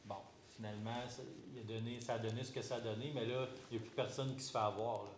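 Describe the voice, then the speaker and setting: Québécois mayor in an echoey chamber. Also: male voice, mid-range voice, fairly even intonation, fast talker. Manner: conversational, many fillers and restarts. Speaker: mayor chairing a council meeting. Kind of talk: explaining and answering at a public meeting. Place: council chamber. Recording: echoey chamber with faint background noise.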